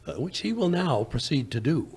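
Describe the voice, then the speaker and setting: A man playing a grumbling but good-natured gentleman doctor, a detective's skeptical companion, husky and blustering, in 1940s radio drama style. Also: fairly high pitch, big pitch swings, normal speed, full character voice. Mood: hesitant, musing. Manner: blustering, hesitant, exasperated.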